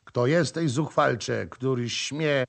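A man's voice: medium pitch, takes it slowly, vocal fry. A man voicing a pompous tax collector who speaks through his nose in an audiobook. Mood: haughty. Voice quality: nasal. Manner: pompous, threatening.

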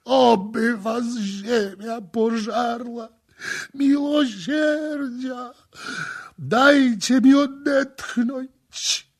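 A man's voice: very high-pitched, fairly even intonation, extremely slow, pitched above the performer's own voice, heavily acted. A man voicing a tormented male prisoner who screams and wails from an underground pit. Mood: agonized. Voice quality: raised strained cries. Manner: wailing, crying out in agony.

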